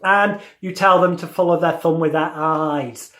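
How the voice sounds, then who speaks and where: A man's voice: a little high, fairly even intonation, a little slow, a bit bright. A man giving an instructional lecture as a hypnotherapy trainer, with emphatic, repetitive phrasing. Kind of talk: instructional lecture with demonstrated patter. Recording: roomy, echoing sound.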